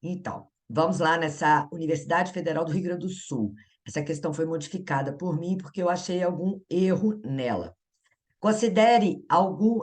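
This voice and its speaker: A Brazilian woman teaching Portuguese grammar in an exam-prep lesson. She talks in a chatty way, asks the viewer questions and laughs at herself. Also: low-pitched. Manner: upbeat viewer prompts.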